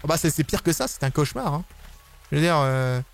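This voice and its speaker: A young man commenting on a horror game he is playing, excitable and slangy, yelping and screaming when scared. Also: a little high, fairly quick, vocal fry. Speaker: gaming YouTuber. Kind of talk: let's play commentary. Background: game music.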